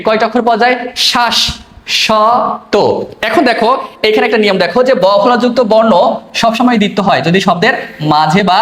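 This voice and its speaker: Man, teacher, exam-prep lesson, rapid delivery, asks and answers own questions, echoey room. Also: high-pitched.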